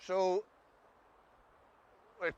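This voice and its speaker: A man's voice: extremely slow, darkish tone, lo-fi sound. A man with an Ulster Scots accent from Northern Ireland, chatting casually as a co-host who explains dialect words and tells small anecdotes. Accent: Ulster Scots, Northern Irish.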